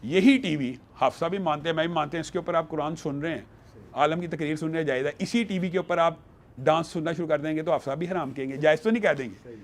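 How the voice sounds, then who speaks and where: A man giving earnest religious advice in a conversation, explaining his reasoning step by step and quoting scripture slowly. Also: a little high. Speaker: religious scholar.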